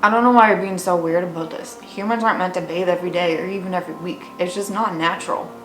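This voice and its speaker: A woman's voice: fairly low pitch, steady tone, quick pace, a bit bright. A woman playing both parts of a re-enacted conversation, here voicing a blunt, careless male construction coworker. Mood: defensive, nonchalant. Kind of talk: acted dialogue re-enactment. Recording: roomy echo, faint music.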